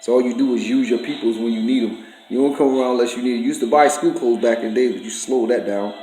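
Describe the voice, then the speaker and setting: Man, profane accusatory rant to camera, mid pitch, roomy echo, faint music. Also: steady tone, quick pace, mellow. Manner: profane, accusatory, streetwise slang. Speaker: vlogger.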